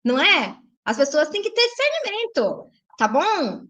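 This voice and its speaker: A woman's voice: high voice, normal speed. A woman with a Brazilian Portuguese accent, a belly dance teacher talking chattily to her viewers on a live stream, often tagging her sentences with "né?". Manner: chatty, tags lines with "né?"; animated, reads viewers' chat messages aloud.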